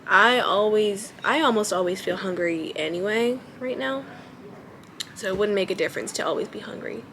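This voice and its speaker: In a mid-range, childlike and baby-ish voice at normal speed, a young woman vlogger chats casually to camera in her home. She thinks out loud with lots of ums, sounding relaxed though hesitant. Slight background noise can be heard.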